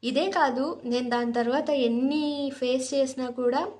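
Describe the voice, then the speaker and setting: A woman's voice: high voice, fairly even intonation, a little slow, a little mellow. A young adult woman telling a personal story in an earnest, heartfelt way, acting out the dialogue as she goes. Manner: earnest, heartfelt, sincere retelling with reenacted dialogue. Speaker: storyteller sharing a personal experience.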